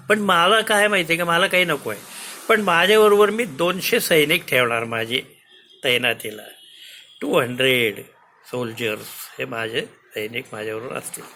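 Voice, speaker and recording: A man's voice: a little high, moderate pace, bright, forceful tone, a little hiss or hum. A man storyteller voicing an angry, proud old king who takes offence easily and raises his voice indignantly.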